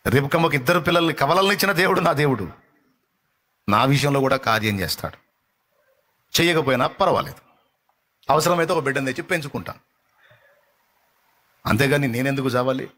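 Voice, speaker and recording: A male pastor preaching a fiery live sermon, exhorting and rebuking with rapid repetitions. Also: mid-range voice, sharp tone. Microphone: live-stream microphone.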